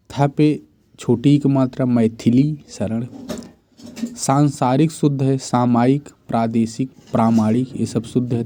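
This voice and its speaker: A man's voice: mid-range voice, mellow, a little hiss or hum. A man teaching Hindi grammar for exam preparation, reciting correct spellings in short, repeated phrases. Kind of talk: exam-prep spelling drill.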